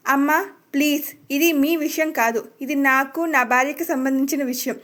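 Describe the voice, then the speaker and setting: A stubborn young husband in a storybook drama, read by a woman, bossy and threatening. Her voice stays high even as he gives orders. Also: normal speed. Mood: angry, pleading. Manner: commanding, threatening.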